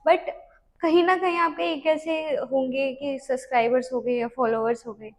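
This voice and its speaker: A woman's voice: high-pitched, steady tone, moderate pace, vocal fry. A woman hosting a podcast interview who prompts her guest, finishes her sentences, and mixes English words into her Hindi. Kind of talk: casual interview chat.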